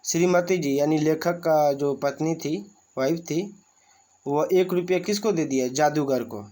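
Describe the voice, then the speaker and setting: Slow-talking male teacher explaining a story. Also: fairly high pitch, dark tone. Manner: reads a passage aloud, then explains it in plain words. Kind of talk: reading and explaining a school lesson.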